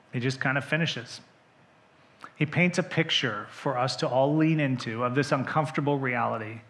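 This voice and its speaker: A man preaching a sermon to his church, moving between soft, hushed lines and loud, emphatic points, speaking straight to the congregation. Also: medium pitch. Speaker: pastor. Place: church sanctuary.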